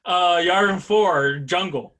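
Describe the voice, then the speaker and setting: Fairly high-voiced man, chatty and animated. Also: slow pace. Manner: animated, filler-heavy with many "like"s. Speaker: podcast co-host. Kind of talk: casual review chat.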